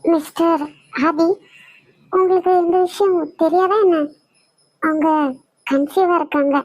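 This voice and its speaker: Woman voicing a calm, grave cartoon doctor. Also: very high voice, dry recording, poor audio. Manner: measured, clinical delivery of bad news. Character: calm, businesslike female hospital doctor.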